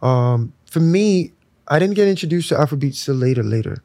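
Gravelly-voiced Nigerian-born man, relaxed. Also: fairly high pitch, a little fast, no room sound. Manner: relaxed, reflective, filler-heavy. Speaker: musician guest. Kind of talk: casual interview talk.

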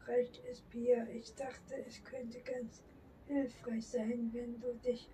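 A woman voicing a helpful male police colleague in a soft, half-whispered way, recorded from a distance with audible background noise. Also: very high-pitched, flat delivery, slow.

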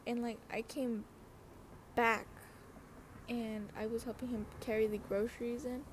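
A young adult woman with a fairly high voice and level tone hosts a casual, rambling personal podcast at a measured pace, chatting in a scattered, slangy way and often cutting herself off. She's recorded outdoors, where wind, passing cars and other ambient noise come through.

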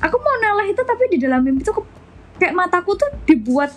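A woman's voice: very high voice, very animated, fast talker, fairly bright tone. A young woman, telling a story animatedly as co-host of a casual chat. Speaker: podcast co-host.

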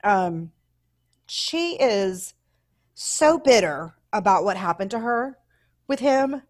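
A woman from the American South co-hosting a casual chat, animated and playful, laughing often. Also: medium pitch, slow. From Southern United States. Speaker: podcast co-host.

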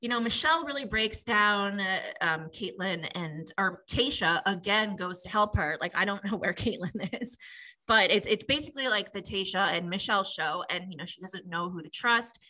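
A woman co-hosting a podcast, recapping a show in excitable, gushing casual chat with casual swearing. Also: medium pitch, moderate pace, poor audio. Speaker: podcast co-host.

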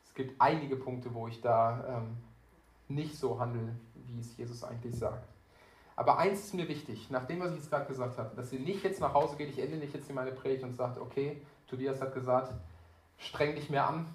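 A man's voice: mid-range voice, a little fast, slight background noise. A young man giving an earnest, conversational sermon with frequent fillers. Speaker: preacher. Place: church hall. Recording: echoey church hall.

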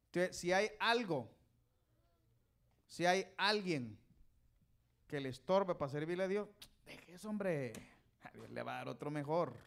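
A male preacher giving a folksy sermon, teasing and calling out questions to the congregation, swinging between loud and soft. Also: a little high, lively intonation, unhurried, creaky, pauses often.

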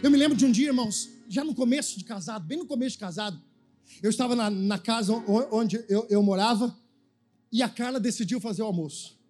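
A man with a Brazilian Portuguese accent preaching a sermon as a pastor. He tells a story quietly, then breaks into a sung, shouting preaching cadence. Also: sits high, fairly quick, soft background music.

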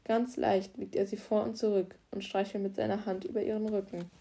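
A woman reading a crime audiobook in a calm, even storytelling manner. Her voice is mellow and warm, at a middle pitch. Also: brisk, vocal fry. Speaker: audiobook narrator. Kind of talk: scripted narration.

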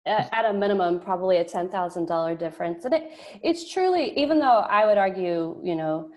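A woman from rural southeast Oklahoma, a school intervention facilitator, talking about her career as a guest in a casual podcast interview, chatty and quick to laugh. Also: on the low side, expressive, darkish tone. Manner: chatty, laughs often, trails off.

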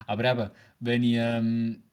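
Teen guy w braces, swiss german accent, casual podcast chat, kinda halting and rambly. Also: medium pitch, completely flat delivery, a little mellow, smooth. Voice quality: talking with new braces, slightly hampered articulation. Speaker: podcast host.

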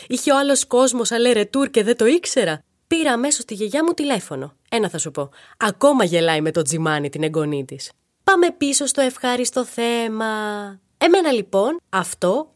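Woman podcast host, comic monologue, high and very lively voice, playful, talks to the listener. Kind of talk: comedic storytelling monologue.

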